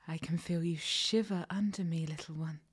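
A woman doing a whispered ASMR roleplay, giving slow, commanding instructions in a soft whisper with endearments and quiet laughs. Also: deep voice, breathy edge.

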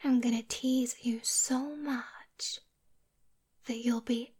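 A woman voicing a teasing, possessive female succubus in a whispered ASMR roleplay, hushing softly into a close mic. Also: on the high side, steady tone, takes it slowly. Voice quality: breathy.

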